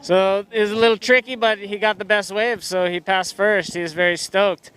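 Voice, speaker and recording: A man's voice: high voice, fairly even intonation, normal speed, a bit bright, smooth, poor audio. A man working as an informal sideline reporter outdoors, interviewing an athlete and summarizing the answers. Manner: informal, switches languages. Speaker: beachside sports reporter and interviewer. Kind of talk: live post-heat interview, informal interpreting. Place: outdoors at a surf contest.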